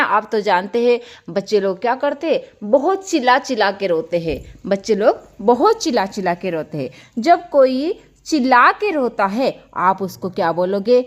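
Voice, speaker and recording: A young woman from India teaches an online grammar lesson with a high, animated voice that swoops up and down. She explains word pairs patiently and calls her viewers children. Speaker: English teacher.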